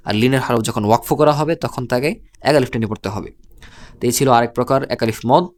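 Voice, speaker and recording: A man with a Bangladeshi Bengali accent teaching Quran reading in an online lesson, spelling out letters and vowel marks and then sounding out each word, repeating every point slowly. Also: mid-range voice.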